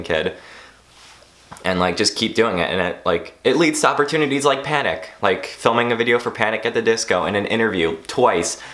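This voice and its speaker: A teenage boy vlogging casually, rambling with lots of "like" fillers and self-mockery, a bit hoarse. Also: on the low side, a bit bright. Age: teens. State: losing his voice. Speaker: YouTuber. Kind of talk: casual vlog monologue.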